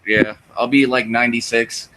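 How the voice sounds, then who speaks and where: Man, 30s, podcast host, casual rambling chat, profane, bright voice. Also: medium pitch, flat delivery, normal speed, rough recording. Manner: rambling, profane, self-deprecating.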